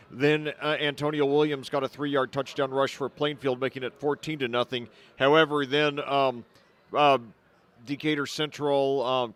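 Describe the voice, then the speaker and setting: A man doing color commentary for a high school football broadcast, openly rooting for the home side and loose with fillers. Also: a bit bright. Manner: partisan, loose with fillers, recaps the score.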